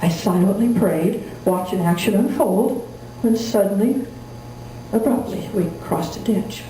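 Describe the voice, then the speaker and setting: A woman recites cowboy poetry to a live audience in a folksy, storytelling way, in rhymed and measured verse. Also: mid-range voice, mellow. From rural Wyoming, United States. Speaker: cowboy poet. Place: indoor room at a live gathering. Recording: echoey room, distant mic, faint noise.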